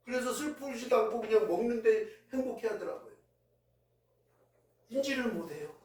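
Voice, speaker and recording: Male pastor, high mellow voice, chatty storytelling sermon, heavy hall echo from a distance. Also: expressive, normal speed. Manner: conversational storytelling, recounting events with feeling. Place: church sanctuary. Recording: very echoey hall, voice heard from a distance.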